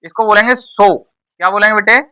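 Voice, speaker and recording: A man's voice: high-pitched, moderate pace, bright, forceful tone, far from the mic. A man teaching an exam-prep lesson to a class, repeating each point and quizzing the pupils. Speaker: tuition teacher.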